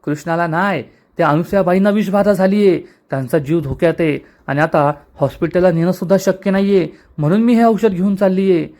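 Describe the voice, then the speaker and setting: A man reading the lines of an eager, hurried young village girl. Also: sits high, darkish tone. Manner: breathless, hurried.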